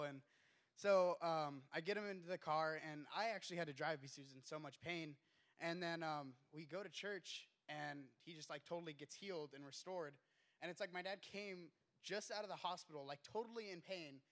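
A young man sharing a personal testimony in church, hesitant and filling pauses with ums. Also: on the high side, a bit bright. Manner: hesitant, with many ums and uhs.

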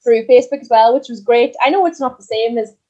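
A dull, slightly lo-fi recording of a young woman with a Donegal accent. Her voice is fairly high yet very mellow, and she chats casually as a guest. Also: fast talker. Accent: Donegal, Ireland. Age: young adult. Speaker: podcast guest, country singer. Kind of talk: casual chat.

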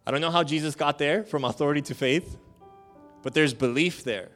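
A male pastor preaching a sermon in a lively, joking, conversational way. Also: on the high side, fairly quick, soft background music.

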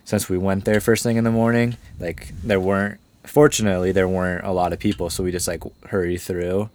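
A man talking casually on a podcast, relaxed and trailing off with lots of fillers. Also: low voice, brisk. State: groggy from cold medicine. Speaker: podcast guest. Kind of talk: casual chat.

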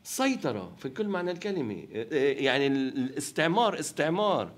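A man with a Palestinian Levantine Arabic accent giving a reflective interview, halting as he searches for words and checking that the listener follows. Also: fairly high pitch, sing-song. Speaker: interviewed film director.

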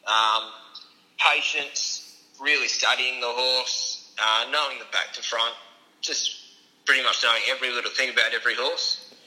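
An Australian man answers interview questions casually, in a strikingly bright, sharp voice. His pitch sits in the middle for a man. His way of talking is informal and understated, that of a working strapper. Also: fairly even intonation, moderate pace, low-quality recording. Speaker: racehorse strapper, interview guest.

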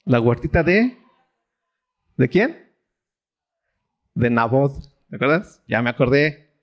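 Speaking slowly, with a medium pitch and big swings in intonation, a Mexican-accented pastor leads a Bible study sermon over dull-sounding audio. He poses questions and leaves the audience to fill them in.

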